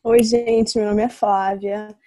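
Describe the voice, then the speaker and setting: A woman's voice: mid-range voice, level tone, slow, warm tone, dry recording, studio quality. A Brazilian woman in her twenties from Bahia, chatting casually and telling stories in a giggly way. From Bahia and Rio de Janeiro state, Brazil. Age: 20s. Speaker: podcast co-host. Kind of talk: casual chat, storytelling.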